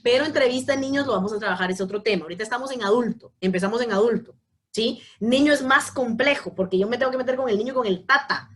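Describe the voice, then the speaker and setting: Woman lecturer, higher voice, animated online-class Q&A, reads out questions. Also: fast talker, slight background noise. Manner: lively, emphatic, reads student questions aloud. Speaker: psychology lecturer.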